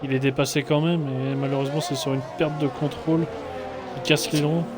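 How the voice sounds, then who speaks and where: A man acting as motorsport co-commentator, analysing a live race in halting, casual speech. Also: a little high, flat delivery. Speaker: esports sim racing co-commentator. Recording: loud engine noise throughout. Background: loud racing car noise.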